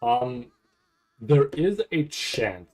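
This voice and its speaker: His voice sits in the mid range, swinging widely in pitch, with a darkish tone and an extremely slow pace. He's a man hosting a casual livestream about an anime event, rambling and musing aloud in loose, at times profane, language.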